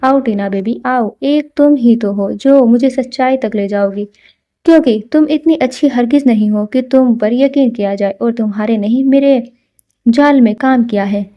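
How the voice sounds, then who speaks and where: A man's voice: extremely high pitch, normal speed, highs cut off. A woman doing a scheming young rich man.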